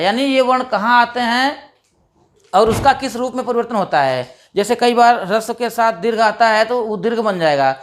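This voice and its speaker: A woman teaching a grammar lesson, patiently asking questions and answering them herself, drawing out key sounds slowly. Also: a little high. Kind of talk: explanatory classroom lesson.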